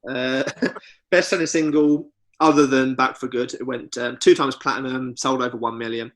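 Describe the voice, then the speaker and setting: A man's voice: mid-range voice, steady tone, normal speed. A man co-hosting a comedy podcast, teasing his friend and reeling off chart facts with wry asides. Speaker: podcast co-host. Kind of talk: casual comedy podcast chat.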